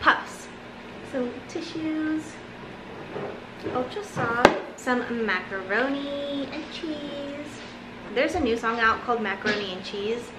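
A woman's voice: high-pitched, slow. A woman in her thirties casually showing off her grocery haul on her home vlog, chatty and upbeat, in a living room recorded by a camera. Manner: chatty, upbeat, lingers on some words. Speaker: vlogger. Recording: roomy home audio with background hiss.

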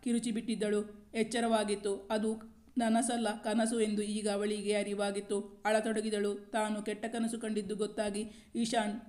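A woman storyteller reading a romance novel aloud in steady, scripted narration. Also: medium pitch, normal speed.

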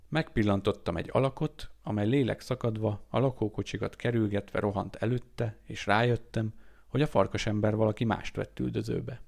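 A man reading an audiobook aloud in a steady, measured way. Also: on the low side, gravelly. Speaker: audiobook reader. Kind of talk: amateur audiobook narration.

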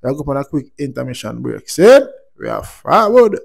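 A man's voice: medium pitch, very animated, moderate pace, vocal fry, slight background noise. A man with a Jamaican accent hosting a channel in Rasta speech, casually commenting on music in Patois with blessings and frequent affirming tags. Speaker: YouTube channel host.

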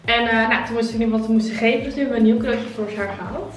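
Young woman, slightly high, heavily echoing room. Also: fairly even intonation, racing. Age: 20s. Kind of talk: casual chat while eating. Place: indoor dining table in a home. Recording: very echoey room, distant mic, faint music.

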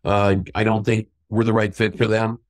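A middle-aged man telling lively anecdotes in a casual interview about his sangria business. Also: lowish voice, moderate pace, no echo, studio quality. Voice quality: self-described stubborn Irishman. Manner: chatty anecdotal storyteller, acts out quoted voices. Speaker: sangria company owner.

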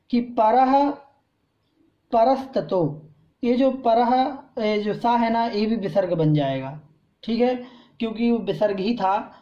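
Slow, patient male scripture teacher. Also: sits high, highs cut off. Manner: patient, explains step by step, recites verses slowly. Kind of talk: slow recitation lesson with pronunciation drill.

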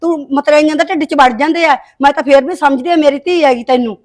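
An actress with a high, fast voice plays a harsh, nagging stepmother, a middle-aged village woman, in a village short film, her delivery only lightly acted. She scolds in sharp-tongued Punjabi with a Punjabi accent.

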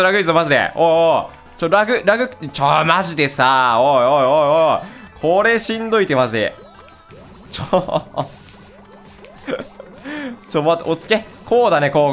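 Faint game music runs under this young let's-play host as he blurts fast, excited reactions and laughs, pitch swinging high and low. He speaks roughly and casually, mock-scolding the screen in fun.

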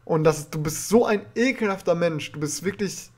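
A young man hosts a reaction video from a small room at home. His voice sits a bit high. He talks confrontationally and indignantly, swearing as he calls out a rival. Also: normal speed, darkish tone. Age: young adult. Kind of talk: reaction commentary, addressing a rival.

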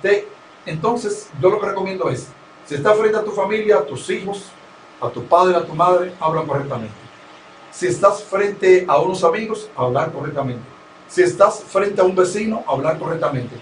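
A man's voice: high voice, animated, moderate pace. A man, a professional radio announcer, explaining his advice in a didactic way during an interview. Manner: didactic, lists points and gives advice. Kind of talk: conversational interview. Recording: roomy, distant mic with faint noise.

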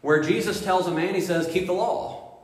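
A man's voice: sits high, normal speed. A man preaching a sermon as pastor, emphatic and full of rhetorical questions. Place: church sanctuary. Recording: echoey hall reverb.

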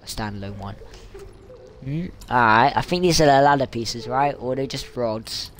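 Gamer guy, casual let's play, gets hyped and yells at the screen, faint noise behind. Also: medium pitch, moderate pace. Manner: excitable, exclaims and reacts loudly. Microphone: headphones, at home in the dark.

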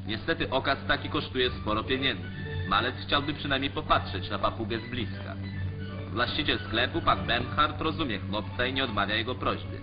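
A man narrates an old 1940s newsreel in a formal, declamatory manner at a middling pitch. The sound is dull and lo-fi, with music running under his voice. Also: moderate pace. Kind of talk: scripted newsreel commentary.

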